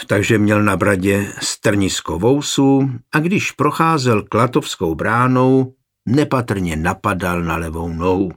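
Husky man calmly narrating an audiobook. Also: on the low side. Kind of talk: audiobook reading of a historical novel.

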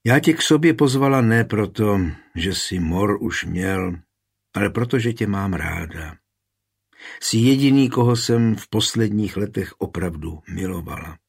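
A man reading the lines of a dying queen in an audiobook, speaking softly and frankly. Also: fairly low pitch, animated, vocal fry, breathy edge, exaggerated voice. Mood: tender, weak.

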